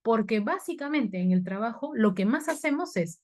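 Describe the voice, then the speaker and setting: A woman's voice: on the high side, lively intonation, normal speed, a little mellow. A woman teaching a university writing class in an online webinar, explaining step by step and asking her students questions. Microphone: webinar computer mic.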